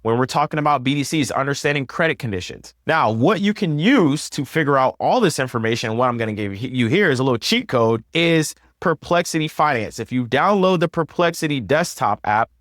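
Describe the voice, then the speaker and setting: A man's voice: mid-range voice, lively intonation, brisk, hardly any pauses, fairly bright tone, no echo. Upbeat man explaining finance, dry sound. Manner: upbeat, conversational, explains step by step. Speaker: personal finance video host. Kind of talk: explanatory talk to camera.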